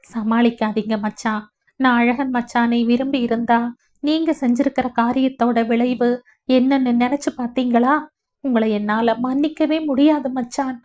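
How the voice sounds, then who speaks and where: A young village woman in an audio story, bitter and defiant, hurling sharp accusations, voiced by a woman reader. The voice sits high for a woman. The sound is dull and lo-fi. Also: steady tone, measured pace, natural voice. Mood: bitter accusing. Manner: sharp, accusing, rising in anger.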